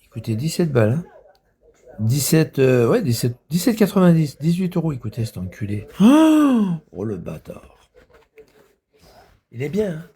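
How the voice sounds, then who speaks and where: Man, casual vlogger, mellow low tone, rambling and repetitive, slangy. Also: lively intonation, brisk. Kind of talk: casual vlog chat.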